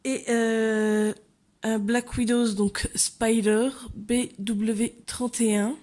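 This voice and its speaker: Very slow and level in tone, this woman's voice sits on the high side and is a little mellow. She hosts a coloring channel from a home room with a window, chatting loosely as she colors, full of fillers and asides, and speaking to her cats.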